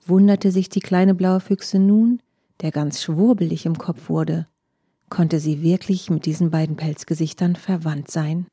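Warm breathy woman reading a storybook. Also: deep voice, a little slow, no echo, clean studio sound. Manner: expressive storytelling. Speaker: narrator. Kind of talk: children's audiobook narration.

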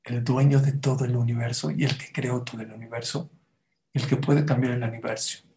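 A man's voice: medium pitch, fairly even intonation, brisk, warm tone, slight background noise. A man giving a sermon as a rabbi, telling stories and asking the audience rhetorical questions.

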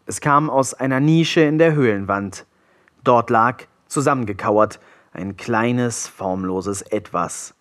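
A man narrating a children's story in an even, measured reading style. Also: mid-range voice. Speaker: audiobook narrator.

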